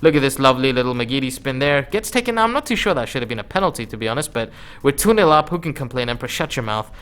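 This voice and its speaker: A man's voice: medium pitch, very animated, fast talker, fairly bright tone, smooth. A man giving casual, conversational gameplay commentary as a gaming video host, using informal slang.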